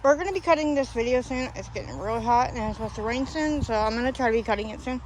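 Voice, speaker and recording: Out of breath in a hilly, windy graveyard, a paranormal vlogger chats casually with viewers in a mid-range voice, talking fast. He rambles, apologizes, and restarts sentences partway through. The recording is rough, with faint wind noise behind him.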